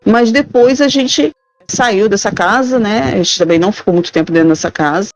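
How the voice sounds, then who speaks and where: Faint music plays behind a middle-aged Brazilian woman who phones in with a first-person account of being haunted. Her mid-range voice carries a Brazilian Portuguese accent, moving at normal speed but halting as she gropes for words. The audio is rough, with no room sound.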